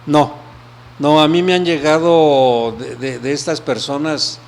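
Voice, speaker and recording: A man, an audiologist answering interview questions in an explanatory way, often checking in with a quick question. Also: fairly high pitch, steady tone. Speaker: audiologist guest.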